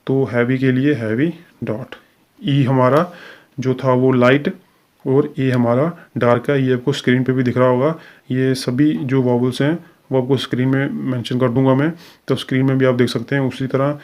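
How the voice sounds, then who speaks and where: A man talks through a recorded lesson in a steady, unhurried teaching manner. His pitch sits in an ordinary middle range but barely moves, so his delivery stays even and level. He pauses with small fillers as he explains each step. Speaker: shorthand teacher.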